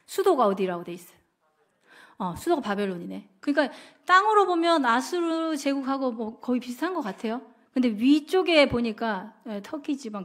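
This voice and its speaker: A woman evangelist leads a Bible lesson in a loose, chatty way, asking the class question after question. Her voice sits somewhat high for a woman.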